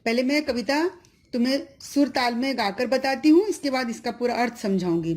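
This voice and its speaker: A woman's voice: sits high, normal speed, darkish tone. A middle-aged woman teacher giving an online lesson to children, patiently explaining each word and asking the class questions.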